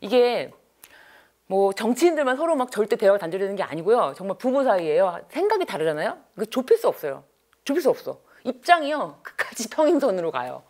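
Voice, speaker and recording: A woman divorce counselor lecturing, telling a case in an animated, expressive way. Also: medium pitch, a little fast. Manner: animated, expressive, acts out quotes. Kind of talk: storytelling lecture.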